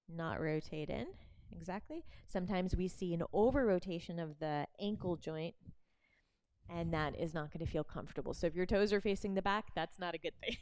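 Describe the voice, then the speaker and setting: A woman instructor explaining barre moves and cueing a demonstrator, encouraging and quick to laugh. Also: fairly low pitch, darkish tone, no room sound.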